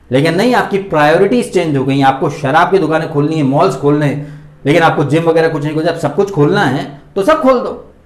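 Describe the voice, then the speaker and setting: A man delivering opinionated political commentary for his channel, indignant and full of rhetorical questions. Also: fairly high pitch. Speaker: vlog host and political commentator. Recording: roomy echoey room.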